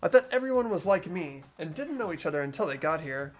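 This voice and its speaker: A fan dubber, who is the host and lead voice actor, voices an anxious teenage schoolboy narrating his worried inner thoughts in a game. The mid-range, sing-song voice moves fast and sounds close to everyday speech, earnest and puzzled as he questions things, with faint music behind.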